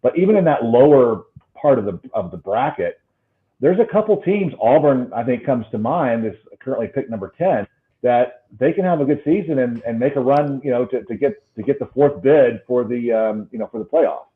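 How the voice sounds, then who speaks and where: A man talks sports over a muffled Bluetooth earpiece that sounds like an echoing tunnel. The line is thin and phone-like, and his pitch sits in the middle. He rambles and restarts his sentences often. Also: animated, moderate pace. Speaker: sports show panelist. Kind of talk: casual sports chat.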